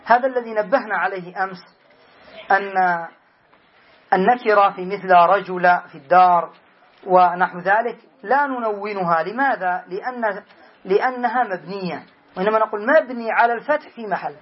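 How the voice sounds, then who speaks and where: شيخ بصوت مرتفع ومبحوح في درس نحو. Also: male voice, high voice, moderate pace, husky, dull audio. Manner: explains patiently, repeats examples, quizzes students. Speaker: sheikh teaching Arabic grammar. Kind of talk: classroom grammar lesson.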